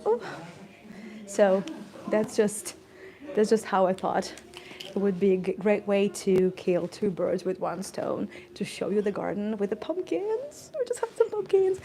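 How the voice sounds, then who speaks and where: A woman's voice: medium pitch, expressive, a little slow, gravelly, crowd noise. A woman guide chatting casually and thankfully on a live stream from a cozy café, laughing often and stumbling over her words. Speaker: tour guide vlogger. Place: cozy indoor garden café.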